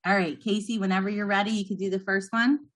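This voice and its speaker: A woman's voice: medium pitch, fairly even intonation, fast. Woman trainer explaining step by step. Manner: patient, encouraging, explains step by step. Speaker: trainer leading a training session. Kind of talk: instructional talk to trainees.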